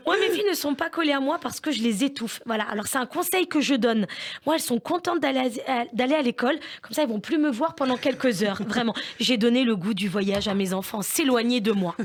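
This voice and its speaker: A woman's voice: fairly high pitch, fast. A woman, delivering a playful, self-mocking comic column on morning radio and acting out family scenes. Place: radio studio.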